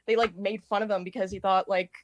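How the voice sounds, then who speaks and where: A woman's voice: mid-range voice, flat delivery, fast talker, muffled recording, slight background noise. A woman in her twenties, a podcast guest, rambling with many fillers and giggles. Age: 20s. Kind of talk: casual chat.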